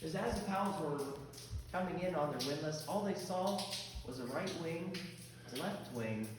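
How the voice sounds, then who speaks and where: A man's voice: fairly high pitch, expressive, moderate pace. Man guiding a tour in an echoing cave. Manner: explains formations step by step, accommodating. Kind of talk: guided tour commentary with informal asides. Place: inside a cave. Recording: very echoey cave, long reverb, clear background noise.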